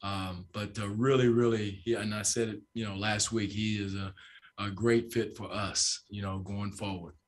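Low, flat-voiced older coach at press conference. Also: male voice. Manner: measured, repeats phrases, frequent fillers. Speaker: basketball head coach. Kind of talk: postgame press conference answers. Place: press room with sponsor backdrop. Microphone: table microphone in front.

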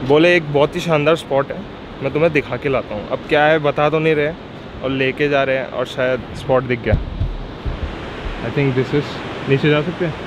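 A young man vlogging casually outdoors on a mountain trip, chatty and excitable as he talks to his viewers. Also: fairly high pitch, normal speed, background noise. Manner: chatty, excitable, often laughing along. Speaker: travel vlogger. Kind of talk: casual on-the-go vlog chat. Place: outdoors by a mountain river and waterfall. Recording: outdoor vlog with loud river rush.

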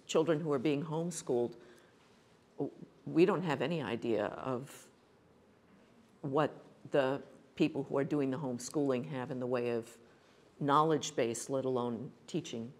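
An older woman on a forum panel explains policy earnestly and in a measured way, restarting a few times. Her extremely low, slightly mellow voice goes into a table mic on a stand in a hall.

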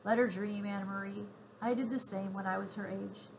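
A woman doing a calm, gentle mother. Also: medium pitch, fairly quick, gravelly, slight background noise, lightly acted, rough recording. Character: calm, warm mother of two girls.

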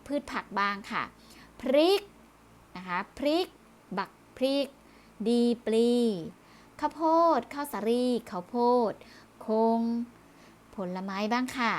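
A woman's voice: on the high side, lively intonation, takes it slowly. A woman teaching primary school children in a recorded review lesson, speaking patiently, repeating words and closing phrases politely.

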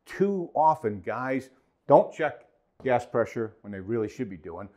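A man's voice: medium pitch, very animated, unhurried, a little mellow, highs cut off. Male trainer, 40s, emphatic product explainer, lapel mic in a small studio. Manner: emphatic, gestures a lot, repeats key points. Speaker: HVAC trainer for a distributor. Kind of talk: product demo and technical explainer. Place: indoor studio with whiteboard and acoustic foam.

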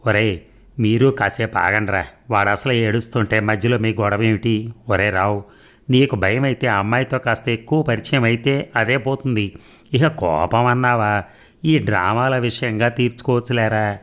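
A man voicing a young male student who calms his friends and coaxes them gently. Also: on the low side, normal speed, natural voice. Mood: coaxing. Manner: soothing, coaxing.

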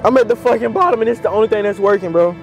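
A man's voice: high-pitched, rapid-fire, creaky, music in the background. A young man vlogging casually and swearing in exasperation, nauseous, with his mouth burning from spicy food. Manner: exasperated, animated complaining with heavy swearing. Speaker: vlogger doing a food challenge. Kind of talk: casual vlog chat. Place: parking lot and inside a parked car.

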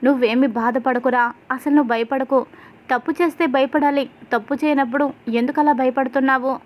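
A woman's voice: high-pitched, fairly even intonation, fairly quick, close to an everyday voice. A woman reading the lines of a loyal, hot-tempered young husband in a retold serial story.

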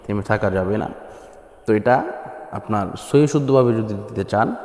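A man from Bangladesh teaching the call to prayer in a slow, unhurried lesson. He explains each point plainly and breaks into long sung phrases to show the right way. His voice rings through a reverberant room with a long echo trailing behind it. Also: fairly low pitch, a little mellow. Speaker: azan teacher. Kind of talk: spoken lesson with chanted examples.

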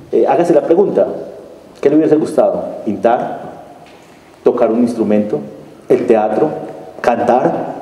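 A man's voice: medium pitch, mellow. A man giving a conference lecture, engaging the audience with rhetorical questions and a frequent tag question. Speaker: conference speaker. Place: conference hall. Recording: echoey hall, faint background noise.

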